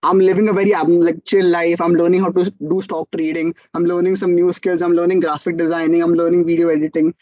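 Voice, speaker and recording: A young man with an Indian English accent telling his startup story as a motivational talk, animated and acting out quotes. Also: high voice, fast talker, few pauses, no room sound, highs cut off. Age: young adult. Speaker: student entrepreneur speaker.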